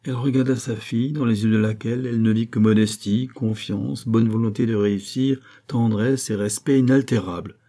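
A man narrating a classic novel as an audiobook, reading in measured, phrase-by-phrase delivery. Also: on the low side, fairly even intonation, warm tone.

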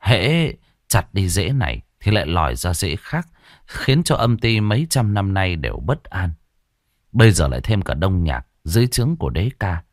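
A man narrating a ghost story with steady storytelling and lively intonation. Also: low-pitched, moderate pace, dry recording, clean studio sound.

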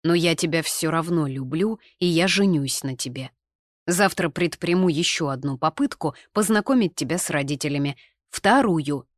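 A woman voicing an excited, slightly drunk young man who keeps insisting to his fiancée. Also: sits low, moderate pace, dry recording, clean studio sound. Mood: teasing. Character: young man, heroine's ardent, tipsy fiancé.

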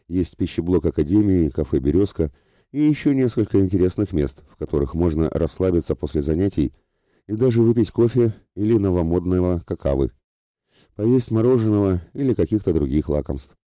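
A man narrating a first-person audiobook in a steady, measured way. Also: sits low, no echo, studio quality.

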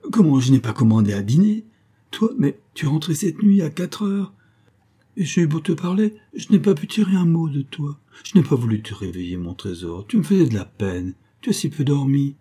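A man's voice: medium pitch, lively intonation, a little fast, dark tone, breathy edge, pitched above the performer's own voice. A man voicing a tender, anxious young lady of the manor in a storybook reading, pleading urgently.

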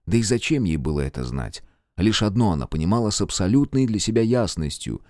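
Male narrator, measured storytelling, low pitch, dark timbre. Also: very animated, no echo, studio quality. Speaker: audiobook narrator. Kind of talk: scripted narration.

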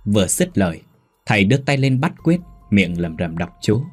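A man narrating a ghost story in a steady, measured way. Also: lowish voice, husky, soft background music.

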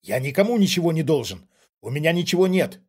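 Brief: male reader doing a desperate father, raised pitched yelling, husky voice. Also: expressive, normal speed. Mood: defiant. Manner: loud, shouting, defiant. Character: cornered frightened angry father, middle-aged man.

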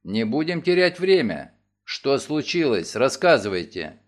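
A man voicing a calm, terse middle-aged lawyer, asking short clipped questions in a lower, level voice for an audiobook. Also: unhurried. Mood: curt.

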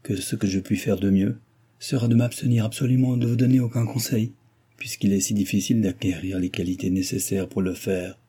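A man's voice: fairly low pitch, steady tone, fairly quick, mellow, breathy edge. A man voicing a shy, flustered young heiress, speaking in a hesitant, reserved and polite way. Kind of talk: audiobook character reading.

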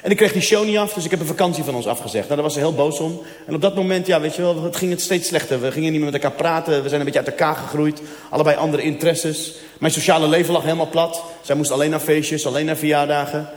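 A man's voice: a little high, fast. A man performing a stand-up comedy routine, telling a story in a casual way with asides to the audience, in a live venue hall. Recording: echoey hall sound, faint noise.

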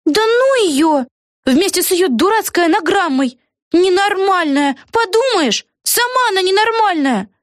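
A woman's voice: very high voice, animated, normal speed, no echo, studio quality, voice pushed up. Vega, a woman doing a bossy witch girl. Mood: indignant.

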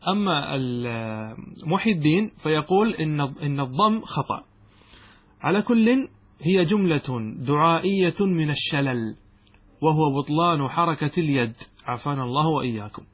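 Male grammar teacher, lecture style, somewhat high and husky, methodical and question-driven. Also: expressive, normal speed. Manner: explains step by step, asks the students questions and answers them himself. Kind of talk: classroom lecture.

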